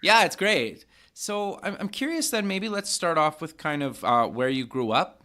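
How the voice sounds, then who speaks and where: A man's voice: on the high side, lively intonation, moderate pace, bright, forceful tone. A man from North America hosting a podcast interview, upbeat and casual, hedging his questions with "kind of" and fillers. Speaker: podcast host.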